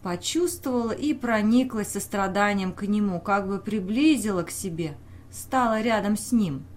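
A woman reading a novel aloud as an audiobook narrator, in a measured way, and lifting her voice for the shouted lines. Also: medium pitch, animated.

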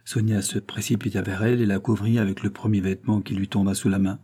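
A man narrating a crime novel as an audiobook, with steady storytelling. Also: fairly low pitch, quick pace, slightly rough.

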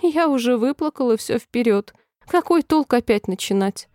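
Woman putting on a shrill, wailing old queen. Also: moderate pace, no room sound, studio quality, natural voice. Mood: fretful. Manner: wailing, squealing cries, then oddly calm. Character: fretful, whimpering old female queen, very high and shrill.

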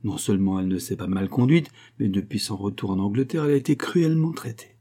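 Casting: male reader as a spirited young man, a touch higher, husky, indignant. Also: animated, fast, warm tone. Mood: earnest. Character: young man, bold and defiant.

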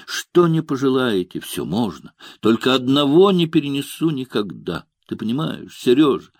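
A man's voice: medium pitch, sing-song, moderate pace, dry recording, clean studio sound, pitched above the performer's own voice. A man reading a jealous, wounded young woman. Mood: hurt pleading. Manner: reproachful, emotional pleading. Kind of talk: audiobook dialogue reading.

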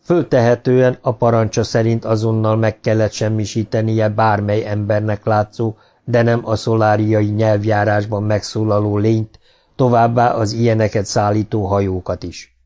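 A man reading an audiobook who voices a calm, humanlike male robot explaining things politely and logically. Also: lowish voice, lightly acted.

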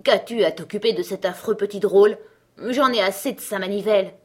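A woman's voice: mid-range voice, a little fast, a little mellow, breathy edge, lightly acted. A woman reading the part of a stingy rich merchant father, curt and impatient.

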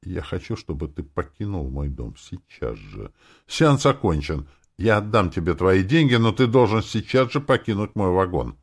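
A man voicing a trembling old fortune teller woman. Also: low voice. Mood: fearful pleading. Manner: trembling, pleading, quiet and slow.

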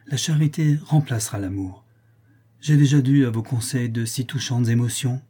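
A man's voice: mid-range voice, normal speed, dark tone, breathy edge, lightly acted. A man reading as a tender noblewoman. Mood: earnest. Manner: earnest, admiring plea. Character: noble young woman, tender and devout. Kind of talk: audiobook reading.

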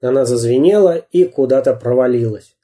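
Slow storybook reader, husky, very dark mellow tone. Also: mid-range voice. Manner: slow, dramatic story reading. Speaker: narrator. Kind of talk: storybook reading.

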